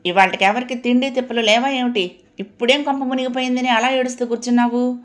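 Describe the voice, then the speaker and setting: A woman voicing a sharp-tongued older mother-in-law who scolds and grumbles. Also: fairly high pitch, steady tone, fast talker, pitched above the performer's own voice, natural voice. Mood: scolding. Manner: nagging, reproachful scolding.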